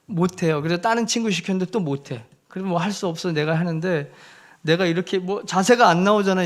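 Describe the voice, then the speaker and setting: A fairly high-voiced male missionary preaches in a church, telling his story with lively swings of loudness. He piles on fillers as he speaks, and his tone stays conversational. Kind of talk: storytelling sermon.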